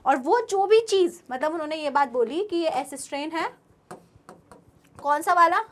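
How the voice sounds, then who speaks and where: A woman's voice: high-pitched, lively intonation, moderate pace, slight background noise. A young woman teacher giving an online class lecture. She keeps asking her students questions and then answers them herself.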